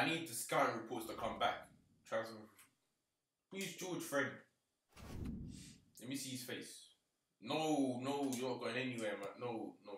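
A young man talks through a football video game in an excitable, casual way and scolds the players on screen. His voice sits at a middle pitch. It sounds roomy and a little off-mic, with faint noise behind. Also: recorded from a distance. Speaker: gaming channel host. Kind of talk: casual gameplay commentary.

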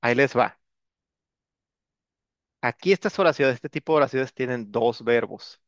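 A male English teacher with a Mexican Spanish accent, congested with a cold, giving a relaxed, chatty lesson with self-joking asides. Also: mid-range voice, moderate pace, dry recording, highs cut off. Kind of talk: casual classroom lesson.

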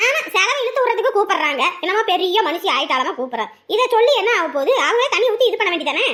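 A woman's voice: extremely high pitch, big pitch swings, quick pace, a bit bright, full character voice. A woman playing a sulky, stingy village wife, grumbling and sarcastic. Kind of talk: village drama acting.

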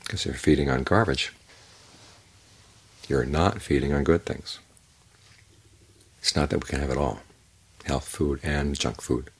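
An older man, a Buddhist monk, giving a calm, measured evening Dhamma talk with unhurried pauses and a husky voice. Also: extremely low pitch.

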